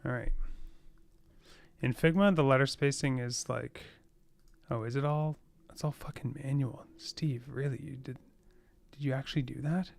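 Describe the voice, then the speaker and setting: A man's voice: mid-range voice, fairly even intonation, moderate pace, vocal fry, pauses often. A man casually thinking aloud as he writes code, rambling with fillers and exasperated laughs. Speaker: web developer coding on a live stream.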